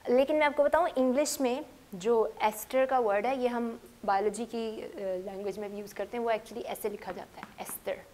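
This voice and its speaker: A woman's voice: fairly high pitch, fairly even intonation, brisk, a little mellow, slight background noise. A woman teaching English phonics to a class, patiently stressing each letter sound. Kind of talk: classroom lesson.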